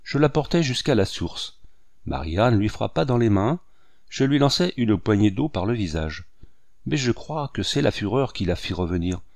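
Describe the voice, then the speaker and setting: A man reads a classic novel aloud in a measured, expressive way. His voice is on the low side, and the recording is dry and close, with no room sound. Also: no echo. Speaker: audiobook narrator. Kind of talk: scripted literary narration.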